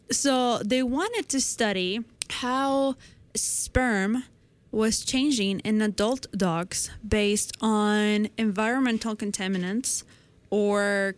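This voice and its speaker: A woman in her twenties, a podcast co-host, walking her co-hosts through a science study step by step in casual conversation. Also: medium pitch. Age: 20s.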